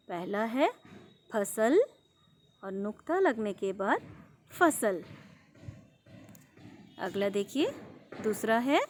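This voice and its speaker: A woman teaching a young class, reading words slowly and drawn out, asking questions and answering them herself. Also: a little high, a little hiss or hum. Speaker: primary school teacher. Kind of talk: online class lesson.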